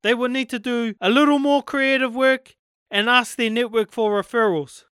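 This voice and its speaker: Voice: mid-range voice, steady tone, moderate pace, a bit bright, smooth, no room sound, studio quality. A podcast host and narrator with a Māori New Zealand accent, speaking in a plain, informal way. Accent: Māori New Zealand English. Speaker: podcast host and audiobook reader. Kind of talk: podcast intro and scripted narration.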